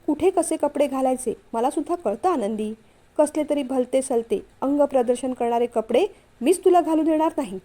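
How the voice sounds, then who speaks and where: A woman reads out a young husband who teases and coaxes his shy wife. The voice stays high and mellow, with an easy storybook tone. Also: moderate pace. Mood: coaxing. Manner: teasing, coaxing. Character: affectionate playful young husband. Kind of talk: storytelling read-aloud.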